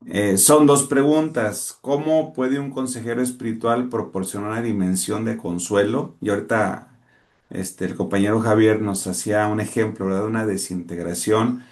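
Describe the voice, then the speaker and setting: A man, the instructor moderating an online class, speaking haltingly with many fillers. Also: on the low side, steady tone, a little mellow.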